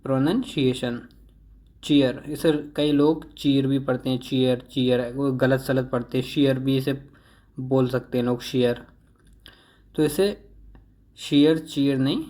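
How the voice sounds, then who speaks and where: Male teacher, slow and careful delivery, reads a word list and stresses correct pronunciation. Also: mid-range voice, steady tone, warm tone. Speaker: English vocabulary teacher. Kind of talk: reading a word list with Hindi meanings.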